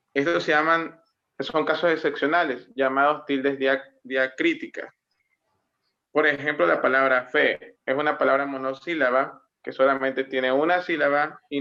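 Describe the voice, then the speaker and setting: A male student giving a class presentation, explaining grammar rules and slowing down to read out example words. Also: a little high, fairly bright tone. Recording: muffled lo-fi recording.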